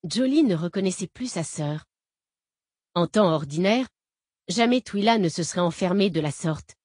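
A woman's voice: fairly low pitch, lively intonation, normal speed, a little mellow, no echo. Woman reading an audiobook, dry sound. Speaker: narrator. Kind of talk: audiobook narration.

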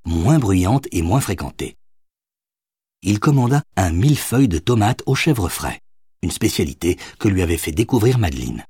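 Husky, low male audiobook narrator. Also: a little mellow, dry recording, clean studio sound.

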